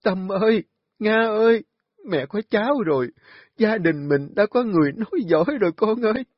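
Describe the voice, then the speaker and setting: A frail, bedridden old grandmother, high and quavering, her pleas breaking into sobs, as a male storyteller puts her on. The pitch swings widely and sounds a little husky. It comes through a dull, lo-fi recording. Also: lively intonation, moderate pace, dry recording. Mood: tearful joy.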